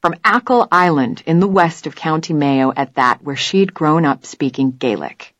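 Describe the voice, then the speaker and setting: A woman narrating an audiobook in a measured, even storytelling manner. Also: low voice, no room sound, lo-fi sound. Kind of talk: scripted narration.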